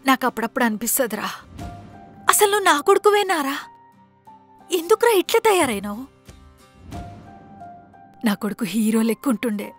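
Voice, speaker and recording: A woman's voice: a little high, steady tone, brisk, pauses often, soft background music, natural voice. An actress playing a worried, scolding mother who pleads with her grown son, speaking with a Telangana Telugu accent in a web series drama. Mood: pleading.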